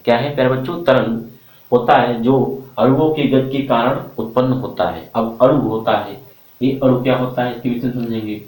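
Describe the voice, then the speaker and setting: A man's voice: mid-range voice, darkish tone. Man teaching a class in an echoey room. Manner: addresses students as dear children, repeats questions for the class to answer. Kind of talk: classroom lecture. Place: classroom with a board. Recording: roomy, from far off.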